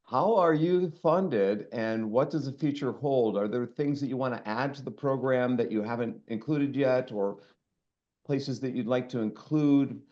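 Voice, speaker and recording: A man co-hosting a panel, asking questions haltingly and clearing his throat, heard over a video call. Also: mid-range voice, darkish tone, dull audio. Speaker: podcast co-host. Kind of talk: panel discussion.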